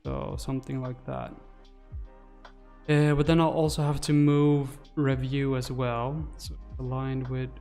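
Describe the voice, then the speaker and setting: Soft background music accompanies a man in his twenties who hosts a casual livestream from a small room, muttering as he works with a desk mic near his mouth. He speaks at a measured pace in a level, mid-range voice that is creaky yet warm.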